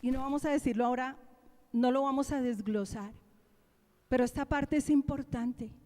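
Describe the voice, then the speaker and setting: High-voiced woman pastor preaching in a hall. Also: steady tone, normal speed, dark tone. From Colombia. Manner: preaching with call-and-response questions and repeated refrains. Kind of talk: sermon. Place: church sanctuary. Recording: long reverb of a church hall.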